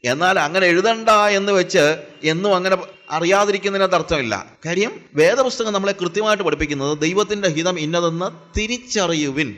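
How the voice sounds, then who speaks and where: Malayali evangelist guy teaching on prayer, talks fast, kinda high voice, keeps asking questions. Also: fairly bright tone. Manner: rhetorical questions, mixes English phrases. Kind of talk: Bible teaching sermon.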